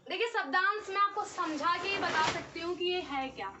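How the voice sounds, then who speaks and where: A woman's voice: very high-pitched, moderate pace, noisy background. A young woman teaching an exam-prep lesson, explaining step by step and checking in often with the class. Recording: dull, slightly distant recording.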